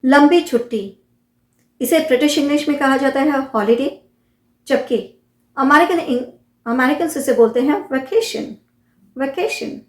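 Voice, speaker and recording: A woman's voice: high voice, measured pace, long pauses. Indian woman, teacher, casual lesson, repeats each term, asks questions, roomy echo. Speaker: English vocabulary teacher.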